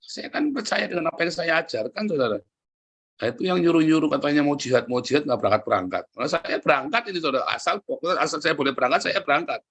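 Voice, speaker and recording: A man preaching a sermon, lively and joking, often turning to address the congregation directly. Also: fairly high pitch, fast, vocal fry, slightly rough. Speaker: pastor.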